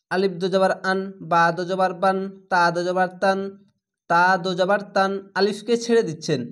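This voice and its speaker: Bangladeshi guy teaching quran reading, spells it out letter by letter then says the whole word slow, pretty high voice. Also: fairly bright tone. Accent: Bangladeshi Bengali. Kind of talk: spelled-out Quran recitation lesson.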